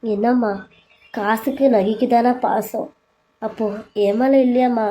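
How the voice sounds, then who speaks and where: Naive young daughter in a family serial drama, voiced by a woman, asking wounded questions. Her voice is mellow and pitched a little high. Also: steady tone, measured pace, rough recording. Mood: questioning.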